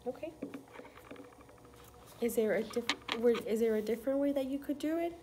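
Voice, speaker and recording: A young adult woman teacher gently prompting a student through a math problem, patient and encouraging. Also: a little high, moderate pace, background noise. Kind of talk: one-on-one math interview.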